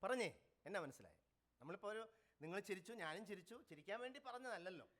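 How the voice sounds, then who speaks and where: A man preaching, telling a story lively and quizzing his congregation. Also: high-pitched, quick pace. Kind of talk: storytelling sermon. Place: church gathering.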